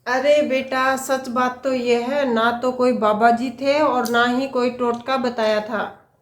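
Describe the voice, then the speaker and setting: A woman's voice: on the high side, fairly even intonation, takes it slowly, reverberant. A woman playing a middle-aged mother who patiently lectures her daughter with homely advice. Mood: advising.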